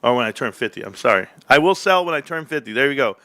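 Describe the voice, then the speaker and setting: Bros and guys are how this gravelly man in his forties keeps addressing viewers of his casual stock livestream, shifting between high hyped outbursts and low mumbles. His pace is quick, and the sound is close and dry without any echo.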